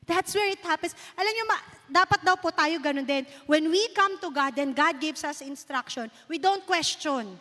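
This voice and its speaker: Preaching in a church sanctuary, this woman pastor from the Philippines, in her thirties, tells stories in her sermon while switching between Filipino and English, her Filipino accent clear. She speaks at a moderate pace with barely any pauses, and her high, expressive voice sounds pushed and bright. A long hall reverb trails her words.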